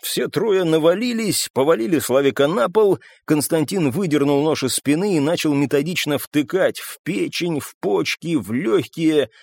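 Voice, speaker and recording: A male narrator reads an audiobook with a very lively, rising and falling intonation. His delivery is tense and dramatic, and the voice sits close and dry, with no room sound. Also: fairly high pitch, moderate pace, creaky, few pauses, no echo. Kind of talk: scripted narration.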